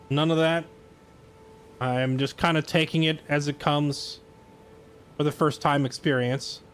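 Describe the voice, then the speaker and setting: A man's voice: fairly high pitch, a bit bright, clear, resonant tone. A tired man chatting casually on his live stream, sarcastic and self-deprecating.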